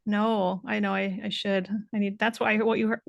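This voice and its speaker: A woman hosting a podcast in a casual conversation, briskly steering the talk. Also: medium pitch, level tone, creaky, no echo, highs cut off. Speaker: podcast host.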